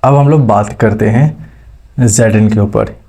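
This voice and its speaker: A man's voice: lowish voice, a little slow, mellow. A man teaching maths step by step, checking in with his students as he explains. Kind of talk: classroom lecture.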